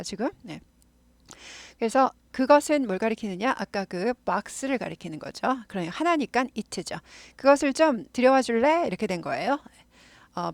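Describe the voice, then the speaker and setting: A woman's voice: medium pitch, no echo. Woman teaching English phrases patiently. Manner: patient, repeats words slowly to model pronunciation. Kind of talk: explaining English phrases in a lesson.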